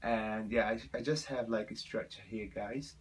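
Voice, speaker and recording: A Brazilian vlogger in his twenties tells his life story to the camera in halting second-language English, with a Brazilian Portuguese accent and many fillers. His voice is lowish and husky, with fairly even intonation.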